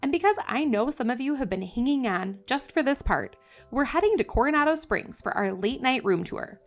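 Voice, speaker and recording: A woman narrating a vlog voice-over in a lively way. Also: sits high, moderate pace, dull audio, faint music behind.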